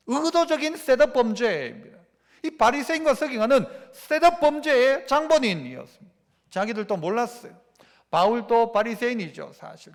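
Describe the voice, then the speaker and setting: A male pastor preaching a Sunday sermon, throwing rhetorical questions at the congregation. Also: very high-pitched. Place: church sanctuary. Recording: long church-hall reverb.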